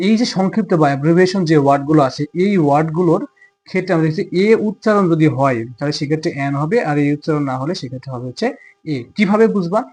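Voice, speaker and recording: A man's voice: on the high side, rapid-fire, darkish tone, husky. A man with a Bangladeshi accent teaching a grammar lesson. He explains step by step and asks questions he answers himself.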